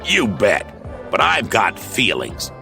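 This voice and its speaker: A man's voice: lowish voice, huge pitch swings, takes it slowly, vocal fry, sharp tone, soft background music, heavily acted. A man voicing a grumpy little male smurf with a sappy, pleading streak in a storybook. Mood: earnest confiding. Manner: melodramatic, pleading.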